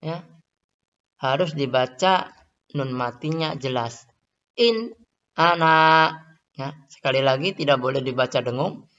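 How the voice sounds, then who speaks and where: A man teaching Quran recitation rules, explaining calmly and then chanting Arabic examples slowly, louder and higher. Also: dull audio. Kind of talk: tajwid lesson with recited examples.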